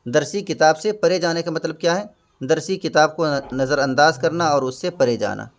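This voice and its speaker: A man teaching exam prep, going through each question patiently and glossing every term with a simpler word. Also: a little high. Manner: patient, repeats and glosses terms.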